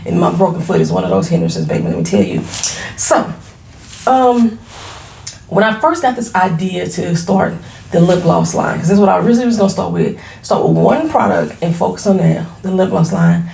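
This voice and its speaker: A woman in her forties talks to camera with a gravelly, creaky edge to her mid-range voice. She is chatty and frank, with easy laughter and loose slang. The sound is roomy and echoey, with a faint hiss underneath. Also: on the low side, very animated, a little fast, warm tone. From Florida. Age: 40s. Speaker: small business owner vlogging. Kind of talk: casual chat to camera. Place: her home, products on shelves behind.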